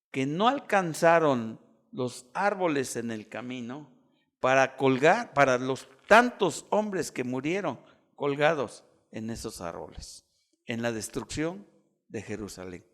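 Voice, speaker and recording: A man preaching a sermon as pastor, acting out voices and swinging from loud cries to near whispers. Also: medium pitch.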